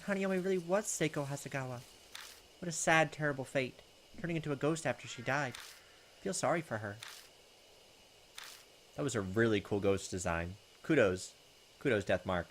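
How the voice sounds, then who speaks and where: Animated and medium-pitched, the gaming host speaks at a moderate pace and pauses often while casually commenting on a video game. He reads its text aloud and talks back to it. There's slight background noise, and the game's music sits behind his voice.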